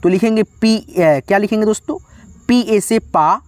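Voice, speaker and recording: A man's voice: high-pitched, moderate pace, a little mellow, dry recording. A man teaching an English spelling lesson step by step for beginners, speaking patiently and addressing his viewers as friends again and again. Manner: patient, repetitive, calls viewers "friends" often.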